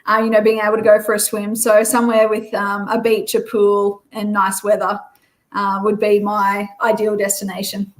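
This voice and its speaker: An Australian woman in her thirties speaks as a podcast guest. Her pitch is mid-height and stays level, with little melody. She is relaxed and pauses on um as she thinks. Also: low-quality recording. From Queensland, Australia. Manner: relaxed, many fillers. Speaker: guest, former rugby player. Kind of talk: podcast interview.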